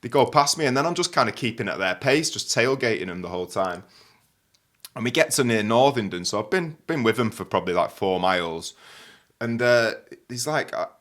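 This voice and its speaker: A young man in casual conversation, recounting everyday stories with a lively, sing-song swing to his voice. His tone is bright and forward, and he breaks into laughter often while he piles on fillers. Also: medium pitch, a little fast. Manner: animated, laughing storyteller with many fillers. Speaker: guest host. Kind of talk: casual storytelling chat.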